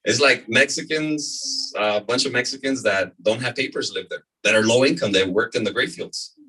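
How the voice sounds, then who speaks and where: Energetic man pitching to a room. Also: normal speed, slightly rough. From California desert, US. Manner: energetic, repeats points, asks "right?". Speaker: presenter at a business opportunity meeting. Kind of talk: live sales presentation to a room. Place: meeting room before an audience. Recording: voice from far off in a room.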